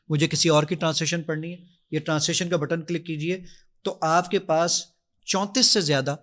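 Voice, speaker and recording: A man's voice: on the high side, a bit bright. A man, a podcast guest demonstrating his app with energy and enthusiasm, acting out his own requests as he goes. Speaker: app founder giving a demonstration.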